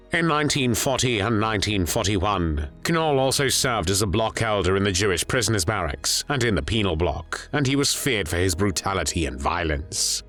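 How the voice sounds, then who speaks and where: Man, low voice, grave measured documentary narration, faint music underneath. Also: a bit bright.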